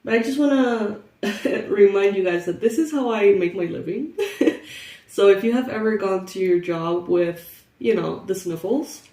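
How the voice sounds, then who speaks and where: A woman's voice: medium pitch, unhurried, warm tone, echoey room, distant mic. A young woman with a stuffy, congested nose, chatting casually through a tarot reading and laughing often. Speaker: tarot reader.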